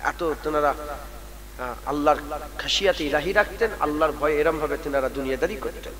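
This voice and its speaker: A man preaching a sermon at a large gathering, moving from calm teaching to loud chanted exhortation and calling on the crowd to respond. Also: on the high side, moderate pace. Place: large outdoor religious gathering. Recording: long reverb from a public address system, loud crowd.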